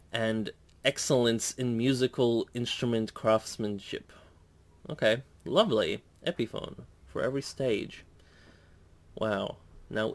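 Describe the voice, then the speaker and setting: Chatty man rambling through an unboxing. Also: medium pitch. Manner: rambling and chatty, with frequent restarts and self-corrections; curious, musing aloud. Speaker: vlogger unboxing a guitar. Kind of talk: casual unboxing commentary. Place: indoors at home.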